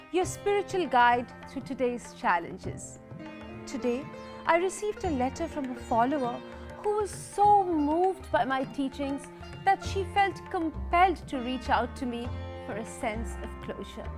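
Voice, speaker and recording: A smug spiritual guide voiced by a woman doles out advice in a high, slow, mock-soothing voice. Faint music plays beneath her. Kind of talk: sketch comedy.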